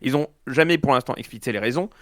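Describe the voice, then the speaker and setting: A man's voice: mid-range voice, rapid-fire, no echo, studio quality. A man with a slight lisp, his s slushing toward sh, discussing news in a casual, slangy way with sarcastic asides. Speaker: panelist.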